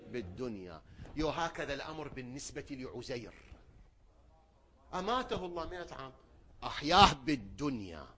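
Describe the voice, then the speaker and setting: A man preaching a sermon, asking rhetorical questions, repeating phrases and swinging between loud outbursts and low murmurs. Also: very animated, fairly quick, pauses often, background noise.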